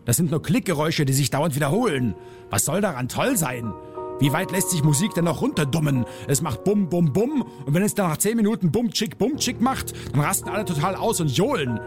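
A man's voice: on the high side, animated, fairly quick, pitched above the performer's own voice, natural voice. A man voicing a ranting misanthropic alter ego. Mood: ranting scornful. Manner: sneering, ranting, mocking. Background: soft piano music.

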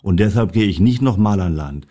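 A man voicing a timid, fearful male carp in a storybook reading, in a low voice. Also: animated, brisk, mellow.

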